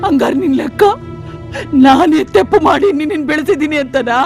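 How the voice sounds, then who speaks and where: Crying old mom, pleading and wailing, high voice, faint music behind. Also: female voice, animated, normal speed, a little mellow. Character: grieving older mother of a condemned son.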